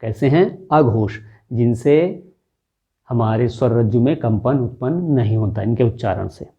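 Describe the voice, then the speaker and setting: A man teaching a lesson, talking slowly and deliberately and sounding out syllables one by one to demonstrate. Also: mid-range voice, mellow, breathy edge, muffled recording. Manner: slow, deliberate, repeats syllables aloud for demonstration. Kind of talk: classroom-style lesson.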